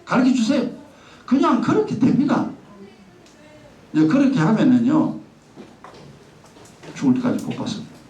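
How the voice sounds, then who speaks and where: A man's voice: high voice, huge pitch swings, normal speed, pauses often, mellow, highs cut off. A male pastor giving a conversational sermon, often acting out a child's pleading voice. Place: church sanctuary. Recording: echoey church sound from a distance.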